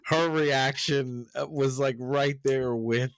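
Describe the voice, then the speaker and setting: A man's voice: mid-range voice, steady tone, slow pace, no room sound, clean studio sound. A man chatting casually about a film on a podcast, rambling and restarting his sentences, often laughing as he tells a story. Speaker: podcast co-host. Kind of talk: casual movie chat.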